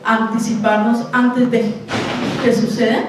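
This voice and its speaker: A woman with a Colombian accent lectures at an unhurried, deliberate pace in a slightly high voice, checking in with her listeners after nearly every point. She is picked up from a distance in a hall with heavy echo. Faint noise sits behind her. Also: level tone. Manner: questions the audience constantly, slow and deliberate. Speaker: conference lecturer. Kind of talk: university lecture. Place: university auditorium. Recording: echoey hall, voice from far off.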